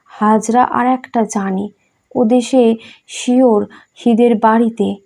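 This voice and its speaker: Woman reading a gentle old male saint. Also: a little high, steady tone, slow, gravelly, exaggerated voice. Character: elderly male saint, joyful and ecstatic.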